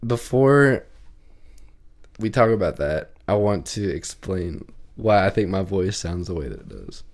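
A man with a Southern country drawl, co-hosting a podcast in casual chat with a lazy, drawn-out cadence. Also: sits low, big pitch swings, vocal fry. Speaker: podcast co-host.

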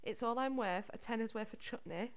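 A Liverpool woman co-hosting a casual chat podcast tells lively stories, chatting away and swearing freely. Her voice is on the high side and her pace is brisk.

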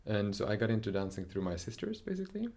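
A young Norwegian dancer, a guest in a relaxed interview, tells his story in a low voice with gravelly fry. He talks at a quick pace but thoughtfully and hesitantly, full of fillers and self-corrections.

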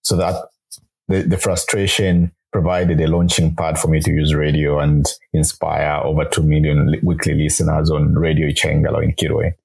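Low husky young man from Zambia. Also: completely flat delivery, moderate pace, a little mellow. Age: young adult. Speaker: guest, grad student and radio producer. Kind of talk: podcast interview.

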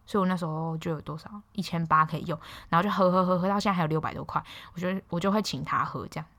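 A young woman from Taiwan hosting a casual solo podcast, telling stories in an animated, exasperated way with sharp quips. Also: fairly low pitch. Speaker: podcast host.

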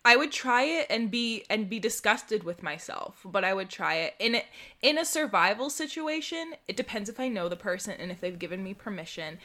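A woman co-hosting a podcast in casual chat, with a wry, deadpan way of talking. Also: medium pitch, brisk. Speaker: podcast co-host.

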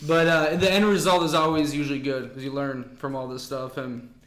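A man's voice: medium pitch, little pitch movement, fairly quick, fairly bright tone. An American man hosting a podcast interview, talking in an easygoing, rambling way with lots of fillers. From United States. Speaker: podcast host. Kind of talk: casual interview chat. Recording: echoey room.

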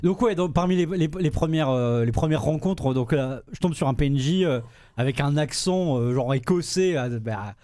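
A man's voice: on the high side, animated, normal speed, a little mellow, no room sound. A man on a podcast describing a game in casual chat, hesitant with many fillers and restarts. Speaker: podcast host reviewing a game.

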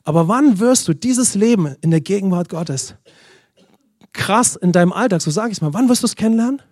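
A man's voice: high voice, expressive, a little mellow, dry recording. A man preaching a sermon, asking the congregation questions and repeating amens. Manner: reads scripture slowly with rising emphasis. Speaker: pastor.

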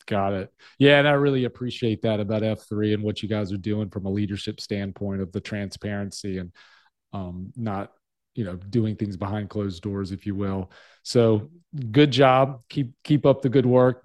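Man, forties, podcast host, friendly, encouraging, mid pitch. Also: a little mellow. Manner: friendly, encouraging, stumbles over questions. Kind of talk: casual interview talk.

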